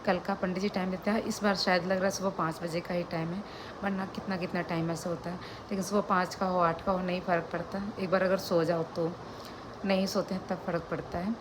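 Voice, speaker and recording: A young woman talking softly and slowly to her camera in a casual home vlog. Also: on the low side, level tone. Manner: speaks softly and slowly during a fast. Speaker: family vlogger. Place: home indoors. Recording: home recording with clear background noise.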